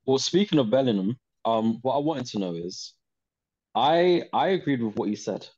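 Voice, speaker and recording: A man moderating a casual football discussion, asking questions in a measured way. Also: mid-range voice, expressive, darkish tone. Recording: slightly dull, lo-fi sound.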